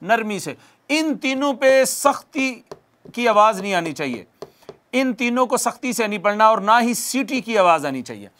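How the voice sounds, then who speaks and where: A man giving a televised lesson on recitation, patiently repeating points, asking the viewer questions, and slowing down to demonstrate each sound. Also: high voice, big pitch swings, fairly bright tone. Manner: slows down to demonstrate letter sounds. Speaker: Quran recitation teacher.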